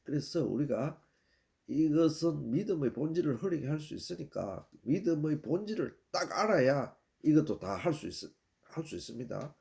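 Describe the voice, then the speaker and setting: Gravelly older preacher. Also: male voice, on the high side, animated, normal speed, a little mellow. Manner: plain storytelling with repeated "예" and restarts. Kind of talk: sermon.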